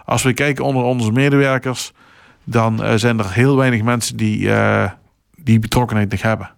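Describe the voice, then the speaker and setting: A middle-aged man with a Limburg Dutch accent, speaking reflectively and a little haltingly as a guest in a conversational interview. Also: mid-range voice, steady tone, creaky, dry recording, studio quality. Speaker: local broadcaster, podcast guest.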